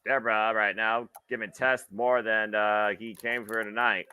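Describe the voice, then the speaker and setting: A man doing wrestling play-by-play commentary, with halting, wordy analysis between calls of the moves. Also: lowish voice, level tone, sharp tone, clean tone.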